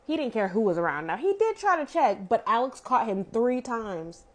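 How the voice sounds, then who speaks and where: A woman's voice: on the high side, very animated, normal speed. Chatty woman recapping a TV episode. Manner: chatty, many "like" fillers, exasperated asides. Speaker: TV show reviewer. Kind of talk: casual opinionated episode recap.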